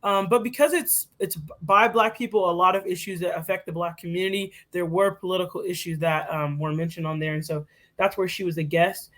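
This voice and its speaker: A young woman co-hosting a podcast gives a casual, chatty rundown, packed with fillers, restarts and self-corrections. Her voice is fairly low in pitch, steady, a bit bright and a little fast.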